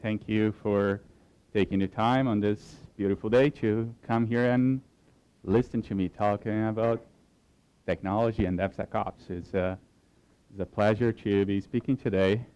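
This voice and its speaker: A man with a Portuguese accent gives a technical conference talk in a fairly low, mellow, smooth voice. He speaks relaxed and at a moderate pace, with many fillers and restarts, and the recording is muffled.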